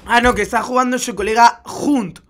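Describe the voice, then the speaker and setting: Brief: young man, Spain accent, gaming reaction host, mutters then explodes into shouts. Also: sits high, moderate pace, soft background music. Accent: Spain Spanish. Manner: swings from mumbled asides to shouting outbursts, profane. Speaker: gaming YouTuber reacting to gameplay. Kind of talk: excited game commentary.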